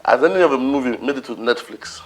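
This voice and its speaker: A man with a Nigerian accent hosting a sarcastic roast interview, asking provoking questions in a deadpan way. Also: medium pitch, fast talker. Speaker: interview host.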